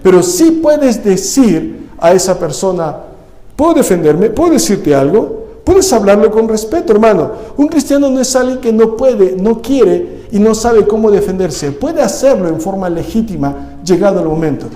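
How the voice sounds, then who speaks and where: A male pastor preaching a lively sermon, often calling his listeners "brother" and asking them rhetorical questions. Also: high voice, normal speed. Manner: animated, addresses listeners as "hermano", rhetorical questions. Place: church hall. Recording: echoey church hall.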